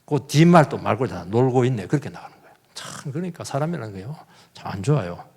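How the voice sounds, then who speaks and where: Animated pastor preaching in a hall. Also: male voice, mid-range voice, quick pace, creaky, breathy edge. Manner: animated preaching with rhetorical questions and acted-out quotes. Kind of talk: sermon. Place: church sanctuary. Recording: long church hall reverb.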